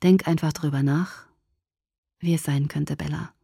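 Woman reading as a young man, cocky, teasing, persistent, lowered voice, dry close audiobook sound. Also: normal speed, darkish tone, slightly rough, no room sound. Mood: pleading softly. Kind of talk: audiobook character voice.

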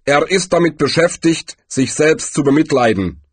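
Tod, calm ancient Death, read by a man. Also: on the high side, breathy edge, no echo, pitched above the performer's own voice. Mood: weary. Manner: slow, calm, weary.

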